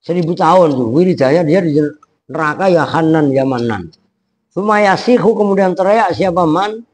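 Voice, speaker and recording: Casting: man, kitab teacher, slightly high voice, loose and chatty. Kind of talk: pesantren kitab lesson, word-by-word translation.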